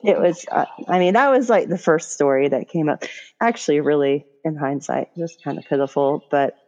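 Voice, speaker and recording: A woman's voice: sits low, normal speed, a little mellow, dull audio. A woman middle school teacher co-hosting a podcast, telling chatty anecdotes with laughs. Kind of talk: casual chat.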